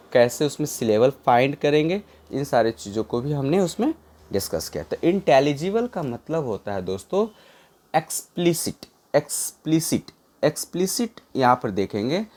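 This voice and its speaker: A man's voice: mid-range voice, darkish tone. A man teaching English vocabulary for exams, repeating each word and spelling it out letter by letter, with frequent fillers. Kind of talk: exam-prep lesson in Hindi mixed with English.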